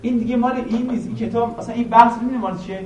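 A man's voice: very high-pitched, fairly even intonation, a little mellow, recorded from a distance, a little hiss or hum. Man teaching a class in an echoey room. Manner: quizzes the class with rhetorical questions; recites a verse slowly and repeatedly. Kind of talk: classroom grammar lesson.

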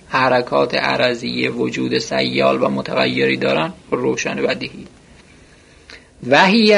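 A man's voice: fairly high pitch, creaky, a bit bright. A man teaching a seminary-style philosophy lesson, reading short Arabic phrases and then explaining them in everyday speech, asking and answering his own questions.

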